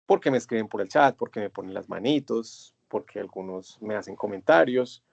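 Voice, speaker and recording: A male instructor with a Colombian accent, giving an online class lecture in a measured, drawn-out way and stressing key words. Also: lowish voice, lively intonation, creaky, no echo. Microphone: computer mic on a web conference. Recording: dull, dry web conference audio.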